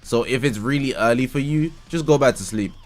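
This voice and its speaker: A man's voice: mid-range voice, a little fast, soft background music. Chatty male streamer reading patch notes. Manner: chatty, reads patch notes aloud and reacts. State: tired, yawning. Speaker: livestreamer. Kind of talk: casual live-stream commentary.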